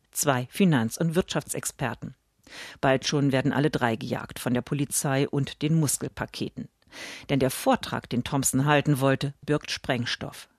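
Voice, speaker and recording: A woman critic reading a scripted radio book review in a measured way. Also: deep voice, husky, dry recording, clean studio sound.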